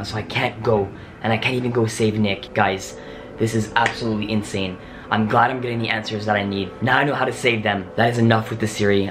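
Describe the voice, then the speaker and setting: A man's voice: fairly low pitch, background noise. A young adult man talking urgently and dramatically to camera as a vlogger in a small home office, with exclamations and sighs. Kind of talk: dramatic paranormal challenge vlog. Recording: home room with music behind.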